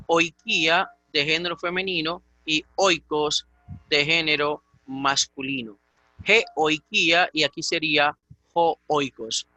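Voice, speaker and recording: A man with a Dominican Spanish accent giving a slow, repetitive grammar lecture and often clearing his throat. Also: on the high side, pushed and bright, no echo, low-quality recording. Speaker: Greek teacher.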